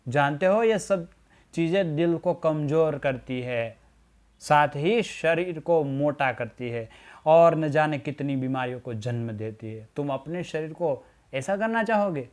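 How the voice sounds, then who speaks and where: Male teacher voicing a caring mother, gently scolding her son, slow and patient. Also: a little high, expressive. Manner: gentle, explaining and admonishing.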